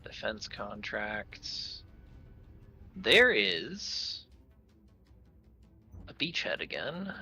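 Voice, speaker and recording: A man streaming a game with friends, talking in an animated, playfully melodramatic way. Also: fairly low pitch, extremely slow, long pauses, husky, faint music behind. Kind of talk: casual gaming chat.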